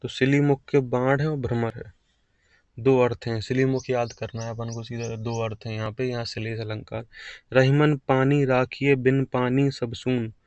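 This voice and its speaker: A man's voice: mid-range voice, level tone, normal speed, a little mellow, dry recording, lo-fi sound. A man teaching an exam-prep grammar lesson, explaining patiently and repeating key phrases.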